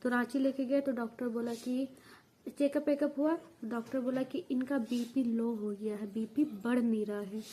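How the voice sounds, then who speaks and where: High-voiced young woman vlogging from home. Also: fairly even intonation, normal speed, dark tone, slight background noise. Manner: rambling, many restarts and fillers, talks straight to viewers. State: coughing now and then. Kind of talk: casual vlog storytelling. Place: at home, family nearby.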